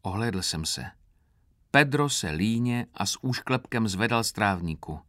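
A man calmly narrating a novel in the first person with a wry tone. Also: on the low side, no room sound, clean studio sound. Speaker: audiobook narrator.

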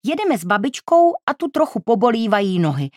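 A brisk, decisive aunt speaks in a raised, animated voice, as a woman reads her part. She is firm and emphatic, sure of what she wants. The storybook voice is close and dry. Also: fairly high pitch, dry recording, voice pushed up. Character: brisk, decisive middle-aged aunt planning a trip.

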